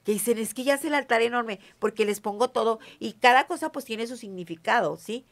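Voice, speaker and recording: A woman's voice: on the high side, a little fast. A middle-aged woman with a Mexican accent, talking in a chatty, emphatic way as an interview guest. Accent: Mexican Spanish. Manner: chatty, emphatic, often asks "¿sí me entiendes?". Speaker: interview guest, self-described witch. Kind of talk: casual conversational interview.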